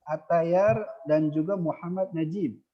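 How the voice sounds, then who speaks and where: A man's voice: on the high side, unhurried, in a large hall, dull audio. A male teacher running an online Arabic lesson, patient and adding a short "ya" after most phrases.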